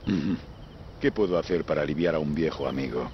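Bayek, a very deep warrior. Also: male voice, fairly quick, slight background noise. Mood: calm. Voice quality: deep, low. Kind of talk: video game dialogue. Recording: dull game audio.

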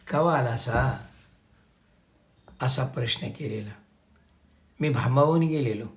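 Slow, measured male novel reader. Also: mid-range voice, a little mellow. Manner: measured, dramatic storytelling. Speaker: author reading his novel. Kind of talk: novel reading.

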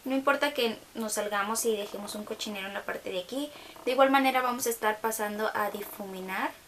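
A woman's voice: medium pitch, brisk, a bit bright, slight background noise. A young woman gives a casual makeup tutorial from her bedroom, chatting along with hesitant fillers.

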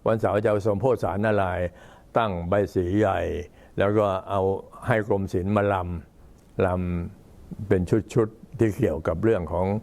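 Older male monk, low-pitched old man's voice, halting and unhurried, informally recounting temple history. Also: steady tone, a little mellow. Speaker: Buddhist monk addressing temple visitors.

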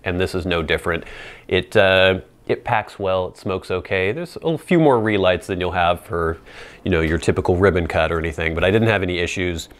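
A man in his thirties or forties giving an informal product review to camera, explaining in a measured, casual way with playful asides. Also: low voice. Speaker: pipe tobacco reviewer. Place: small indoor set with plain backdrop. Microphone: lapel mic.

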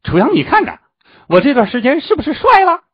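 A shrill, boastful young disciple, shooting far above an ordinary voice and rattling on loudly and fast. He swings wildly up and down, all in a dull, dry lo-fi storybook recording. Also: huge pitch swings, no room sound, full character voice. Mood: vain. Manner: loud, rapid, boastful chatter. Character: chatty vain young male disciple, shrill.

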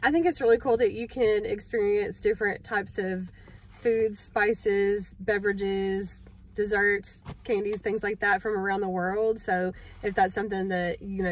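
A woman in a car sharing her thoughts on a shopping trip in a calm, plain way. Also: medium pitch, moderate pace, far from the mic, a little hiss or hum. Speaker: family member on vlog. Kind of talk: casual chat.

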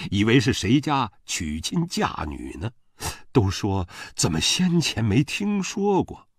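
A man reading a novel aloud as a first-person narrator, slow and expressive. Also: fairly low pitch, breathy edge, no room sound, clean studio sound. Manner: slow, expressive, wide-ranging storytelling. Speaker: audiobook reader.

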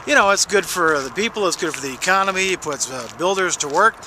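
A man's voice: high voice, expressive, fast, sharp tone. A middle-aged American man giving a casual, rambling walk-and-talk update, musing aloud into a handheld camera outdoors by a road. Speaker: public access TV presenter and weatherman. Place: outdoors beside a busy road and construction fence. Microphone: handheld camera at arm's length. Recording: noisy outdoor roadside handheld recording.

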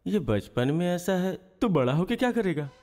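A deferential, curious inmate. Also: male voice, sits high, very animated, normal speed, darkish tone. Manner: polite, prodding questions. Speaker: prison inmate. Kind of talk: Hindi film dubbing. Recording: reverberant room in a film soundtrack.

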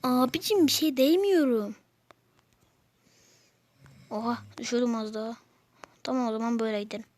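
High-voiced woman, exasperated gamer. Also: moderate pace, long pauses, a little mellow. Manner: exasperated, complaining at the game. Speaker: gameplay video maker. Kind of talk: casual gameplay commentary.

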